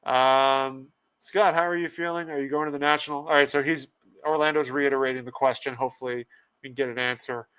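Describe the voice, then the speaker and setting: A man's voice: medium pitch, steady tone, fairly quick, pushed and bright, clean tone. A man hosting a casual livestream podcast, laughing often and reading out viewers' comments. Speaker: podcast host.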